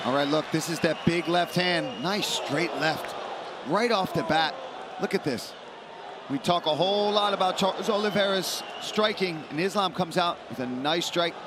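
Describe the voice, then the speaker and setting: A man's voice: on the high side, moderate pace. A man giving casual colour commentary on a live fight. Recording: very loud crowd and noise. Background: loud arena crowd.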